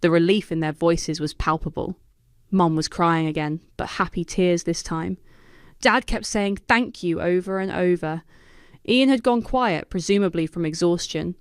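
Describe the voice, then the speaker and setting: Female narrator for a scripted story read, smooth voice, dry close sound. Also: fairly low pitch, normal speed, no room sound. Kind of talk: scripted first-person narration.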